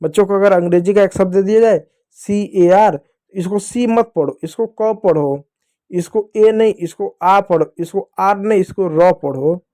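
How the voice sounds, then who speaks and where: High-voiced man teaching phonics. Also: moderate pace, warm tone, no room sound, clean studio sound. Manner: patient, repeats questions and answers them himself. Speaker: English teacher. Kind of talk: classroom-style phonics lesson.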